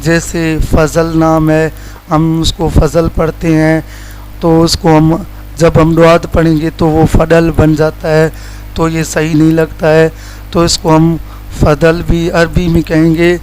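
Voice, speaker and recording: A man from Pakistan teaching Quran letter pronunciation in a plain explaining tone, stretching each letter slowly as a model sound. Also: on the high side, monotone, darkish tone, slight background noise, poor audio.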